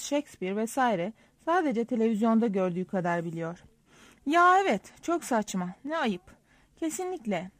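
Wry, lively woman narrating an audiobook. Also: mid-range voice, no echo. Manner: lively, wry, self-mocking storytelling. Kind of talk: first-person audiobook narration.

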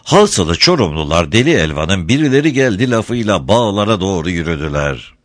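Low-voiced man reading a story. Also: sing-song, brisk, dry recording, clean studio sound. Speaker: narrator.

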